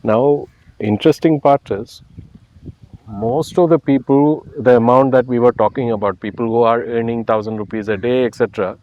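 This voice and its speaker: With a Malayali Indian accent, a man from Kerala, India, reflects on his views as an interview guest, explaining them conversationally and peppering phrases with "you know." He has a medium-pitched voice and fairly even intonation at normal speed. The recording's highs are cut off.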